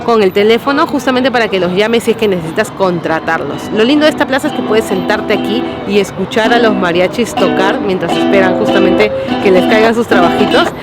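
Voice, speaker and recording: A woman's voice: mid-range voice, brisk, hardly any pauses, loud music behind the voice. Woman presenting a travel vlog outdoors. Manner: lively tour-guide presenting. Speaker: travel vlogger host and interviewer. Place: outdoors in a city plaza.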